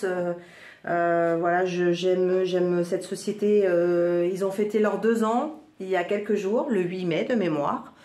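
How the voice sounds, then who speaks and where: A woman from northern France with a northern French accent, chatting excitedly through a crafts unboxing at home, full of little exclamations. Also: mid-range voice. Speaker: crafts vlogger. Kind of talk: casual product unboxing. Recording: roomy echo.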